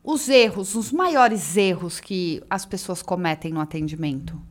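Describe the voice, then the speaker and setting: A woman's voice: fairly low pitch, a little slow. A woman with a Brazilian accent co-hosting a podcast, chatting casually and putting questions to a guest. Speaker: podcast co-host. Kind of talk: casual chat, interviewing.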